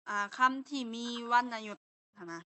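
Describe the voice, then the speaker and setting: Young woman tutor, bright highish voice, dry close sound, goes over terms again and again. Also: normal speed, no room sound. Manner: explains step by step, repeats key terms, corrects herself aloud. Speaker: language tutor. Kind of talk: online tutoring session.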